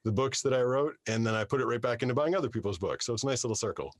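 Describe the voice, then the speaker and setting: A man who does voiceover work, telling his story in an interview from his soundproof booth into a studio mic. He talks in a lively, storytelling way and often restarts his sentences. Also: medium pitch, rapid-fire, no room sound. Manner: animated storyteller, repeats words when starting sentences. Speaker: voiceover artist, guest. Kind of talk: conversational interview. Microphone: studio microphone.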